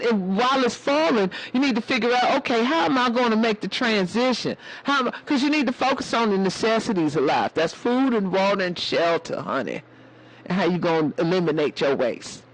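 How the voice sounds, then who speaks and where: A man putting on a sassy, hoarse elder woman. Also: very high-pitched, a bit bright, poor audio. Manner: sassy, calls listeners baby and honey. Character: sassy elder woman, preachy motherly sage. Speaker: live-stream host. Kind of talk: preachy casual live-stream talk.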